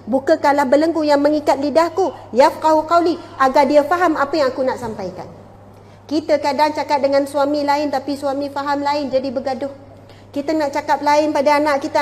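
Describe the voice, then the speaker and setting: A woman with a Malaysian Malay accent giving a lively religious lecture to women, acting out household dialogue. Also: sits high. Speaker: female religious teacher. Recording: long hall reverb.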